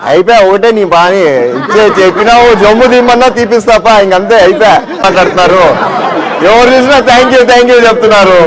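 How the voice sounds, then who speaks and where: A man, a local politician chatting with villagers outdoors in a teasing, brisk way, promising help. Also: high voice, crowd noise. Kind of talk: casual talk with villagers.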